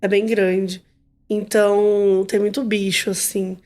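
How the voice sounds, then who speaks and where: A woman's voice: mid-range voice, slow pace. A Brazilian woman hosting a podcast, chatting casually and telling stories with acted-out quotes. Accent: Brazilian Portuguese. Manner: animated storyteller, acts out quotes. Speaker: podcast host. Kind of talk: casual chat.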